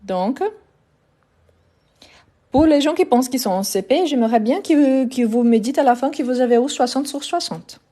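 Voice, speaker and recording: A woman's voice: high-pitched, normal speed, long pauses, mellow. A woman teaching a live online French lesson, patiently repeating each word to drill pronunciation and speaking directly to her viewers.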